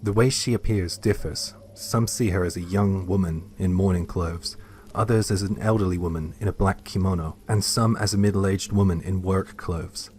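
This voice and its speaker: Low-voiced guy reading a creepy tale, hushed and slow, faint hiss behind. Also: fairly even intonation. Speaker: horror story narrator. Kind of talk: scripted first-person narration.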